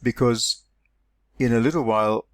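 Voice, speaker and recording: A man lecturing, giving instructions and reading a scenario aloud to students in measured phrases. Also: mid-range voice, no room sound, studio quality. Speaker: lecturer giving a class exercise.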